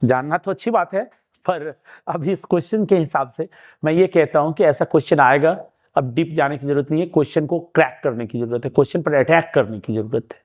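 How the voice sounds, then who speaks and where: A man with a slightly high voice teaches an exam-prep lesson briskly, explaining step by step and asking and answering his own questions. He urges students to keep watching.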